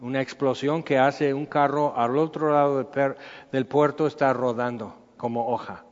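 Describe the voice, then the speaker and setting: A man preaching a sermon, animated, acting out the voices he quotes. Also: mid-range voice, moderate pace. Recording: dull sound in a reverberant hall.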